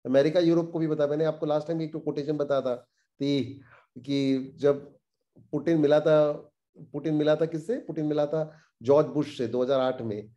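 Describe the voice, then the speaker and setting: A man with a voice on the high side hosts a casual explainer about current affairs. He speaks animatedly and with indignation, sprinkling English phrases into his talk.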